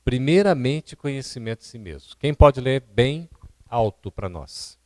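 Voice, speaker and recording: In a seminar hall at a spiritist centre, a Brazilian man teaches public speaking, laying out points didactically and quizzing his audience. He talks unhurriedly at a medium pitch, with lively intonation and a slightly mellow sound.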